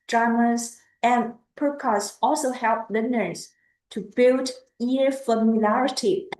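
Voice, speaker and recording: Slow, halting woman. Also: a little high, a little mellow, echoey room, low-quality recording. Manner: halting, restarts and repeats words. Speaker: lecturer. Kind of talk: guest lecture on language teaching.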